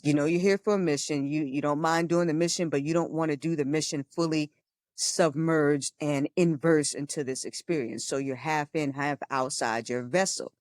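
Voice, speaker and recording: A woman's voice: deep voice, fairly even intonation, normal speed, a little mellow, no room sound, clean studio sound. A woman co-hosting a spiritual podcast, talking frankly and earnestly, with some swearing and frequent laughter. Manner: frank and profane, laughing often; earnest, teaching tone. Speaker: podcast co-host. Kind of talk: casual spiritual talk.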